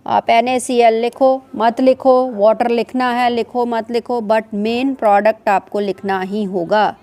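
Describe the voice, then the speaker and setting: Woman teacher, mellow tone, slightly high voice, classroom dictation. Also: fairly even intonation. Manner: dictates slowly in English, then explains quickly in Hindi. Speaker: chemistry teacher. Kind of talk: classroom lecture dictating notes.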